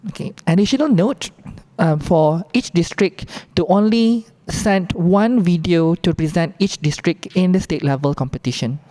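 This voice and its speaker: Malaysian lady explaining rules point by point, dark mellow tone, a bit on the low side. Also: moderate pace, few pauses, rough recording. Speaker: competition briefing presenter.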